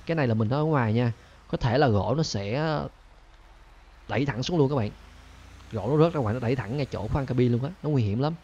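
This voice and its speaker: A young man casually narrating a driving game to his viewers, chatty and excitable. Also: mid-range voice, muffled recording, slight background noise. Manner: excitable, chatty, talks to viewers, frequent laughs and squeals. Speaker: gaming channel host. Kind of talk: casual Let's Play commentary.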